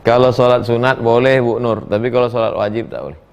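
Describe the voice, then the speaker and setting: A middle-aged male preacher speaks briskly in a medium-pitched voice that is creaky yet smooth, captured on a muffled recording. His humorous Q&A sermon is full of folksy jokes and animated storytelling.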